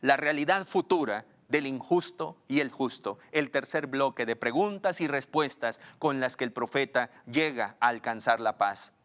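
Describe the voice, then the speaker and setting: A male pastor preaching a sermon, rising on questions and slowing down to read scripture. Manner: preaching, swells loud and high on questions, slows for scripture.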